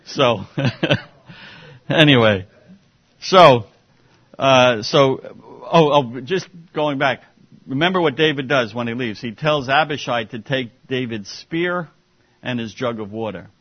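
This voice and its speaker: A man's voice: medium pitch, slow pace. A man leading an informal Bible study, explaining scripture in a conversational way with sarcastic asides, and taking questions from the group. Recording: dull muffled classroom recording.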